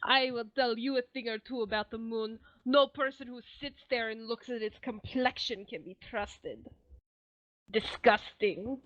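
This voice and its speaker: A high, bold woman warrior, played by a woman, who is grandiose and paranoid. The dry, slightly dull recording keeps her close. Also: unhurried, a bit bright, no room sound. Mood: disdainful. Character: Mendora, a suspicious woman warrior hounded by squirrels. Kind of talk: in-character tabletop role-play.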